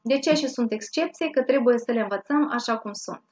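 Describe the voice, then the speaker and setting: Higher-voiced romanian woman teaching english rules slowly, kinda dull lo-fi sound. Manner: slow, explains each rule twice with fillers. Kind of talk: bilingual grammar lesson.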